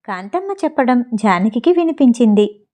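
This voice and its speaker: A woman's voice: fairly high pitch, sing-song, normal speed, a little mellow. A woman reading a novel aloud as an audiobook narrator, voicing the characters in her own voice.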